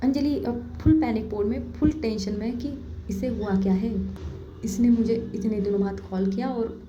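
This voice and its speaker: A woman's voice: a little high, fairly even intonation, normal speed, warm tone, slight background noise. A woman narrating a story in a chatty, casual way, with slangy asides to her listeners. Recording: dull, roomy lo-fi recording.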